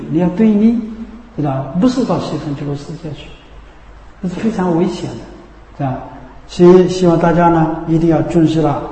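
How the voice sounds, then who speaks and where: A man with a fairly high, warm voice preaches as a Buddhist teacher, repeating points and posing rhetorical questions to make sure his listeners keep up. It's a Buddhist sermon, and the recording carries the echo of a reverberant hall.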